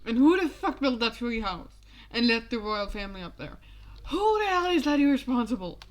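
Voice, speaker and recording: A woman's voice: fairly high pitch, big pitch swings, normal speed. A young woman streamer giving casual, rambling commentary, often exasperated and swearing freely.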